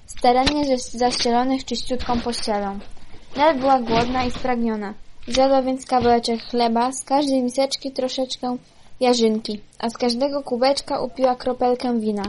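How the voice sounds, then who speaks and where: A woman reading a children's fairy tale aloud in an unhurried way, now and then stumbling and correcting herself. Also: a little high, a little mellow, slight background noise. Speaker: storyteller.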